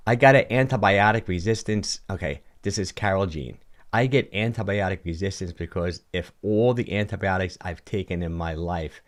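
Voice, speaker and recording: The voice is rich, deep and low, belonging to a man in his sixties who coaches fitness and hosts a livestream from a home studio with colored lights. Speaking close to a big studio mic on a boom, he casually reads and answers viewer questions, gesturing animatedly and frequently restarting and repeating words.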